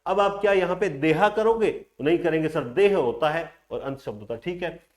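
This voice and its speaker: High-voiced man teaching grammar. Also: normal speed. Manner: explains step by step, asks and answers his own questions. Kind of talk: online grammar lecture.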